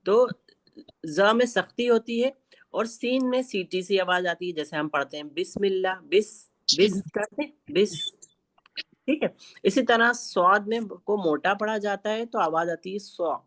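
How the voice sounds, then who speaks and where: A woman's voice: medium pitch, dry recording. A woman with an Indian Urdu accent teaching an online recitation class, patiently modelling sounds for students to repeat.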